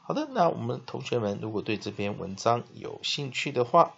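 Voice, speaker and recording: A male teacher explaining English spelling, spelling words out letter by letter and repeating them slowly. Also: medium pitch, expressive, gravelly. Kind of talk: classroom-style lesson explanation. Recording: dull lo-fi recording with faint noise.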